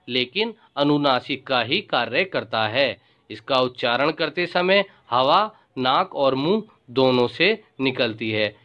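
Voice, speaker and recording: A man's voice: mid-range voice, a bit bright, dull audio. A male school teacher giving a recorded lesson to young pupils. He speaks patiently, often addresses the children directly, and draws out each example word for them to repeat. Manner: patient, slowly drawn-out pronunciation of example words.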